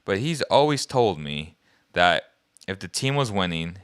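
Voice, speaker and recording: A man's voice: sits low, measured pace, smooth, no room sound, clean studio sound. A man co-hosting a casual basketball talk show, reacting to trade news and musing aloud about players. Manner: relaxed, trails off and restarts, laughs easily. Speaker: co-host. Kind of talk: casual sports chat.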